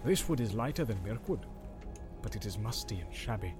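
A man voicing a gruff, grumbling male dwarf warrior in a storybook reading, blunt and wary, half joking. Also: on the low side, sing-song, moderate pace, loud music behind the voice. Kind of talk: audiobook reading.

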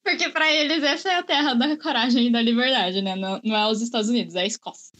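A woman's voice: a little high, animated, a little fast, a bit bright, soft background music. A woman in a casual film discussion, chatty and explaining at length.

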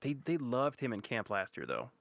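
A man in a casual sports chat speaks haltingly and restarts his phrases as he thinks. His voice comes through muffled and lo-fi, with a dry, close sound and no room echo. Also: medium pitch, big pitch swings, gravelly, a bit bright. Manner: hesitant, stammering restarts. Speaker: podcast co-host. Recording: dry, dull lo-fi audio.

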